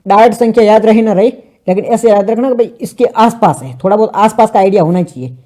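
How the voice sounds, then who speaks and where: Speaking fast in a warm, high-sitting voice, this exam coaching teacher runs an informal current affairs class in Hindi laced with English terms. He poses questions to his students and then answers them himself.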